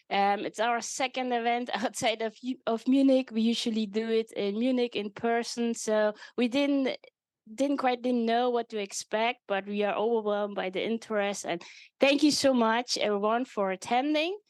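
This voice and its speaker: A woman's voice: a little high, moderate pace, no echo. A woman who founded the event, welcoming a live audience in a frank, self-mocking way and laughing often. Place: event space at a meetup.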